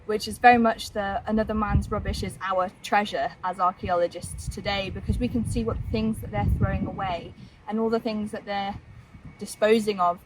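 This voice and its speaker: A woman's voice: medium pitch, noisy background. A young woman, a new graduate volunteering at a dig, enthusiastic and repeating words for emphasis. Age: young adult. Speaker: volunteer archaeologist. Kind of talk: explaining the dig to camera. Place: outdoor excavation site.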